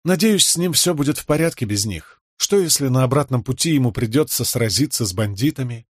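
A man's voice: medium pitch, lively intonation, fairly quick, no echo, studio quality, natural voice. A man reading an audiobook, voicing an earnest young woman who has just learned to con people. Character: young woman, a kind-hearted novice con artist.

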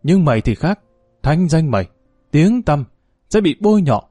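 A man's voice: a little high, big pitch swings, moderate pace, dark tone, no room sound, faint music behind. A man voicing a stern, blunt old village man. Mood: threatening. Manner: blunt, scolding, rough address.

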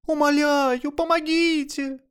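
A man doing a shrill, frightened young woman. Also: level tone, slow pace, fairly bright tone, full character voice. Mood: desperate pleading. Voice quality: shrill falsetto. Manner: pleading, screaming. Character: terrified young woman crying for help.

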